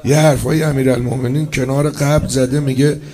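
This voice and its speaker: A preacher delivers an emotional religious mourning sermon to poets and eulogists, moving from low murmurs to loud, impassioned cries. He stretches phrases for emphasis, though his intonation stays fairly even overall.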